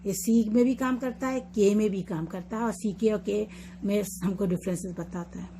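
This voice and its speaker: Woman teaching spelling, slow and patient. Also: medium pitch, steady tone, mellow, slight background noise. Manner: explains patiently, repeats example words slowly. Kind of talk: online lesson mixing Hindi and English.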